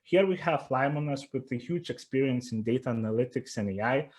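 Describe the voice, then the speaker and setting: Speaking briskly with a Lithuanian accent and a darkish tone, a man delivers an earnest startup pitch. His presentation is peppered with fillers and restarts.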